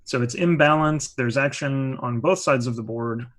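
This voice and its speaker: A man's voice: medium pitch, moderate pace, fairly bright tone. Chatty man commenting on chess. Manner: chatty, explains moves with many asides.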